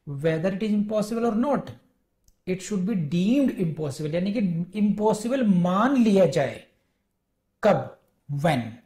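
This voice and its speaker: A woman with an Indian English accent gives an exam-prep law lecture at an unhurried pace. Her voice is dark and mellow. She mixes Hindi and English, drawing out each word of the legal text before she explains it. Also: mid-range voice. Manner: reads statute text slowly word by word, then explains.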